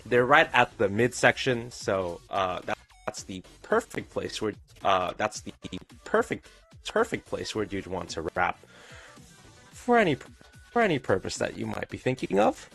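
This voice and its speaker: A man narrating a tier-list video in a pitched-up voice, stumbling and repeating phrases as he goes. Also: big pitch swings, vocal fry, a bit bright. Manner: halting, repeats phrases and stumbles over words. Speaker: streamer. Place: pre-recorded video played on stream. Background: faint background music.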